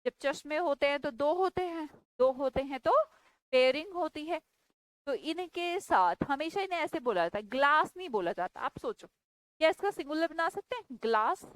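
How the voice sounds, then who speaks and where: A woman's voice: high voice, expressive, normal speed, no room sound, low-quality recording. A woman teaching an English grammar class, firmly questioning and scolding students. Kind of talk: online class lecture.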